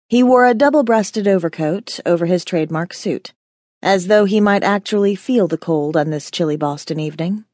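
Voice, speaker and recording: A woman narrating a first-person fantasy audiobook in a wry, dramatic voice of mid pitch. Her delivery is scripted but lively in its asides. The recording is dry and close. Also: no echo.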